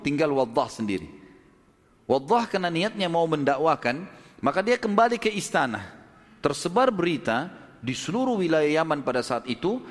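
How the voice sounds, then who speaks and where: A male preacher telling a story in a sermon, in a casual, colloquial way full of tag questions. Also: on the high side. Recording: long hall reverb.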